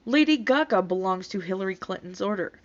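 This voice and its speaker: A YouTube commentator with a medium-pitched, expressive voice reads comments aloud in disbelief at a brisk clip. She adds casual, sarcastic, scoffing remarks full of swearing, and the audio sounds dull and lo-fi.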